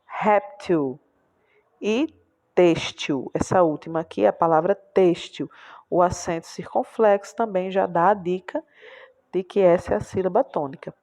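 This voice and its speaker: A woman teacher with a Brazilian accent leads a classroom lesson. Her voice sits a little low, and she repeats each example word aloud. She keeps checking in with short tag questions as she goes. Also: normal speed, a little mellow. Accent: Brazilian Portuguese. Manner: explains patiently, repeats words aloud, many tag questions.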